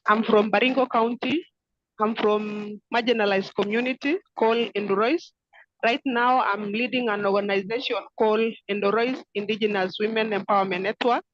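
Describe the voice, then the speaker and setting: A woman from Kenya, a community organization founder, introducing herself earnestly and haltingly on a video call. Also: on the high side, fairly even intonation, fairly bright tone, dry recording, muffled recording. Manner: earnest, halting, with many fillers. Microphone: video call with a weak connection.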